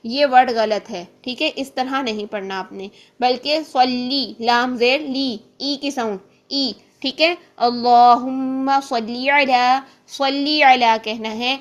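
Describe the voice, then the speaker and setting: A woman teaching Quran reading, explaining patiently and slowing down to show each sound. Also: a little high. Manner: patient, repeats points, slows to demonstrate sounds. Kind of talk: explanatory lesson with recited examples.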